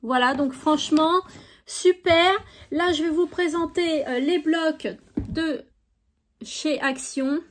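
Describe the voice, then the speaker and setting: Woman, high voice, chatty and gushing craft vlogger, faint background hiss. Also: takes it slowly. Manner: chatty and enthusiastic, many fillers. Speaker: craft YouTuber. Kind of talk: casual product show-and-tell.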